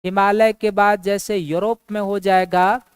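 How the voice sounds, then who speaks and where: A woman's voice: medium pitch, little pitch movement, measured pace, clean tone, no echo, studio quality. A woman giving a geography lecture for exam preparation, asking rhetorical questions, answering them herself and repeating key points. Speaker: geography teacher for exam prep. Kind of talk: classroom lecture.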